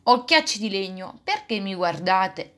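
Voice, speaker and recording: A woman's voice: mid-range voice, lively intonation, a little slow, a bit bright. A woman voicing a poor, fretful old male woodcarver in a storybook reading, speaking in a grumbling, scolding way. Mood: resentful.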